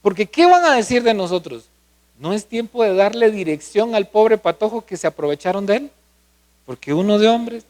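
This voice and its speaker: A man's voice: sits high, animated, moderate pace, a little mellow. A male pastor preaching a sermon, often asking the congregation questions.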